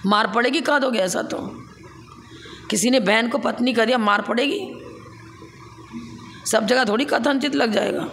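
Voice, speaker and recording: A woman gives a scripture lecture in a fairly high, gravelly voice. She works through the text point by point and puts questions back to her listeners. A faint murmur of ambience sits behind her. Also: unhurried, long pauses, a bit bright, slight background noise. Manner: explains step by step, with rhetorical questions. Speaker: scripture teacher.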